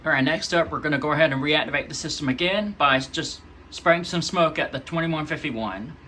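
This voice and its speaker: Bright-voiced man hosting a system test. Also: a little high, fairly quick, a little hiss or hum. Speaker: host demonstrating a fire alarm system test. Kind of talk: casual hands-on demonstration commentary.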